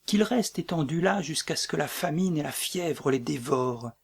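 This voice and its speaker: A man reading the part of a doomed tyrant king in a dramatic play reading, brooding and breaking into shouts. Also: a little high, expressive, normal speed, creaky, slightly rough, full character voice. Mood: commanding.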